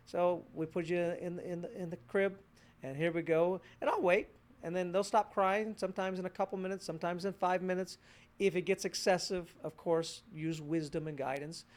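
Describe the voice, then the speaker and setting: A middle-aged male pastor preaching a sermon in a conversational way, acting out short voices of children and parents. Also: sits high.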